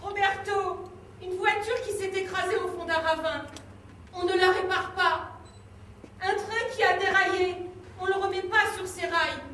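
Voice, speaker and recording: A woman's voice: very high-pitched, steady tone, unhurried, bright, forceful tone, exaggerated voice. An amateur actress playing a middle-aged mother, grieving and frightened, who scorns her son on a stage. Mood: mournful. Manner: scornful outbursts and frightened pleading. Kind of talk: live stage play. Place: theatre stage. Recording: echoey room from far off, faint noise.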